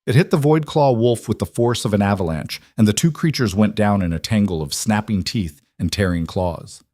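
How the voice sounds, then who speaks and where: A man reading a dramatic fantasy story as scripted narration, in a measured, dramatic way. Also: on the low side, dark tone, no room sound.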